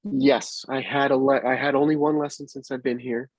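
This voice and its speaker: Male guest, husky, animated storyteller; dry close recording. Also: mid-range voice, moderate pace, no echo. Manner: animated retelling, acts out quotes. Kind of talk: casual storytelling.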